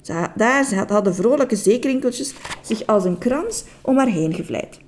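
A woman reads a bedtime story aloud with a lively, swooping melody. Her tone is mellow and soft, never sharp, and she stumbles and restarts now and then. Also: fairly high pitch, moderate pace, a little hiss or hum. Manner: expressive, with occasional slips and restarts. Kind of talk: children's story narration.

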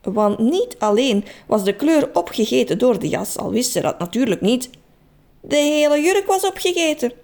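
A woman reading a children's story aloud in an expressive, animated way. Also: high voice, moderate pace.

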